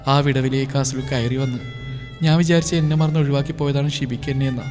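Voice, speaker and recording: A man voicing a remorseful young wife in an audio story, speaking softly and pleading. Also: medium pitch, fairly even intonation, a little fast, lightly acted. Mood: regretful. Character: young wife, guilt-ridden and tearful. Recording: reverberant with faint music.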